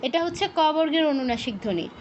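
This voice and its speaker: A woman teaching Sanskrit pronunciation in an online lesson, patiently asking questions, answering them herself and repeating sound drills slowly. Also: high voice, lively intonation, muffled recording, a little hiss or hum.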